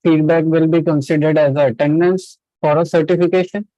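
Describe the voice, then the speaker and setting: Male webinar trainer, higher-set voice, dry, slightly dull call audio, checks in often. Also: fairly even intonation, brisk, mellow, no echo. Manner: repeats short confirmations and checks in with listeners. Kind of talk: interactive webinar presenting. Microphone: online video call.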